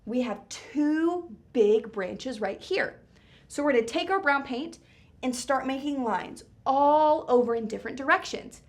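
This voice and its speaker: A woman's voice: sits high, animated. A woman hosting a children's craft show in a singsong, exaggerated way, explaining simply and encouragingly as she speaks to young viewers. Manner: singsong, exaggerated kids-show delivery with questions and pauses for the viewer. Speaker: host of a children's art show.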